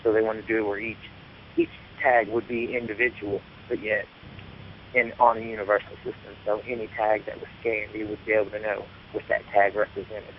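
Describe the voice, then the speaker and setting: A man's voice: on the low side, level tone, a little fast. A man with a Kentucky Appalachian twang chats casually as co-host of a tech show. The audio is thin and phone-like, with a faint hiss behind him. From Kentucky, United States.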